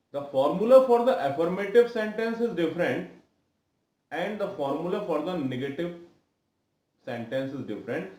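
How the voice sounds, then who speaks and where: A man with an Indian English accent teaching English grammar in a slow, deliberate lecture style, repeating key words and slipping into Hindi asides. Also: on the high side, darkish tone, echoey room, low-quality recording. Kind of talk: video lesson lecture.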